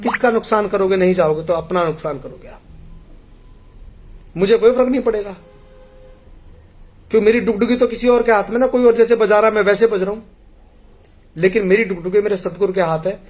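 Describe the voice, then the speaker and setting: A man's voice: high-pitched, a little fast, long pauses, a little mellow. A middle-aged man from India earnestly pleading with a congregation, telling parables in a devotional appeal.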